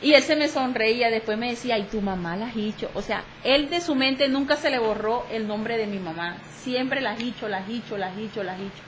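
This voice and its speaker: A woman giving an emotional religious testimony on the radio, halting and repeating herself as she acts out the dialogue she quotes. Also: a little high, slight background noise, low-quality recording.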